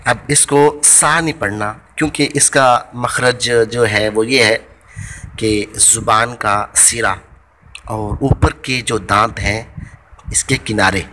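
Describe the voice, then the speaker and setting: Slow, bright-voiced man teaching letter sounds. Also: lowish voice, a little hiss or hum. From Pakistan. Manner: draws out each letter sound loudly, then explains calmly. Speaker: Quran recitation teacher. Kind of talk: slow, deliberate pronunciation lesson.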